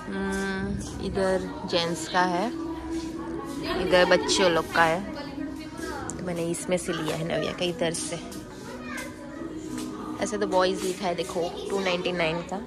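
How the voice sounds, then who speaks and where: A woman's voice: on the low side, flat delivery, a little slow, pauses often. A woman, chatting casually to her phone camera as she walks and shows things. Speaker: vlogger. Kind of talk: casual shopping vlog narration. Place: busy indoor mall and outdoor food court. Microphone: handheld phone camera. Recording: loud crowd and music behind.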